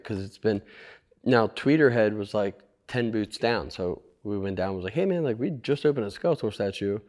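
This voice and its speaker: A middle-aged man who runs a toy store, chatting casually and joking, his voice dropping low and quiet when he explains things. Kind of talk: casual chat.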